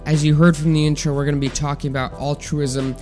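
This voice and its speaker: A young man hosts a solo science podcast, his voice a little high and quick, with faint music playing behind him. He sounds congested and nasal, chatting in a relaxed, rambling way full of ums, fillers and restarts.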